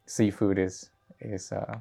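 Man, from Peru, somewhat low voice, hesitant, lots of ums, casual interview guest. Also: little pitch movement, slow pace, creaky, dark tone. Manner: hesitant, many ums and restarts. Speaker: company owner, guest.

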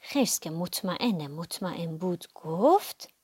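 A woman reading a children's audiobook aloud, playful and animated, adding sound effects. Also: fairly low pitch, breathy edge, no room sound, clean studio sound. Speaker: storyteller.

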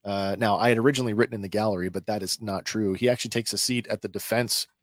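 A man co-hosting a podcast, reading a scripted episode recap with lively stresses and then chatting casually. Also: on the low side, fast talker, dry recording, clean studio sound. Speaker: podcast co-host.

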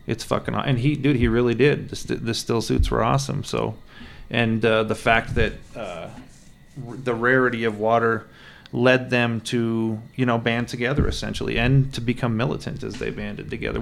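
A man's voice: medium pitch, steady tone, normal speed, creaky. A man co-hosting a podcast in casual chat, rambling with many restarts and casual swearing. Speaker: podcast co-host.

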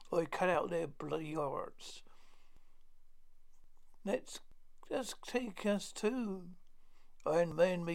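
Man acting as phantom pirate, ghost voice, menacing, creaky, storybook villain. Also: high voice, full character voice.

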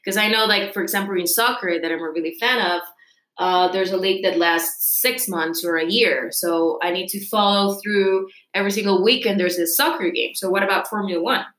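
A woman's voice: mid-range voice, a little fast, a bit bright. A young woman from Rica, hosting a casual interview and asking chatty, curious questions. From Costa Rica. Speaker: host. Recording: echoey room.

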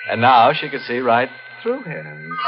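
Sly creepy horror host doing old radio drama, swoopy mocking delivery, muffled sound with music. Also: male voice, medium pitch. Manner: mocking, theatrical, drawn-out delivery. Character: sly, gleeful male horror host with morbid jokes. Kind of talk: 1940s radio acting.

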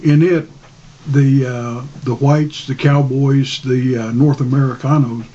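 Mellow, measured man on slightly dull audio. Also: medium pitch, steady tone, slight background noise. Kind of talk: informal explanatory discussion.

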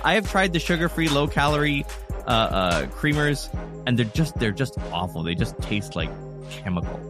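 Animated man presenting podcast news. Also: mid-range voice, normal speed, over music. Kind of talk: scripted news narration with casual personal asides.

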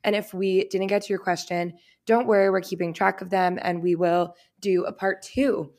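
A woman's voice: mid-range voice, fairly even intonation, normal speed, darkish tone. A woman in her twenties from Boston co-hosting a podcast, upbeat and chatty with plenty of "like". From Boston, USA. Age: 20s. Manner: upbeat, chatty, says "like" often. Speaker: podcast co-host. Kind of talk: casual podcast chat.

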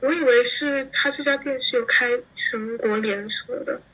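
Bright-voiced chatty teen girl guest. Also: a little high, moderate pace, a little hiss or hum, poor audio. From China. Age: teens. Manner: chatty, animated, laughs often while explaining. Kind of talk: casual interview chat.

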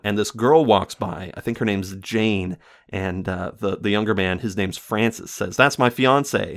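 Low-voiced man rambling through a film review. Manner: rambling, lots of fillers and self-corrections, laughs often.

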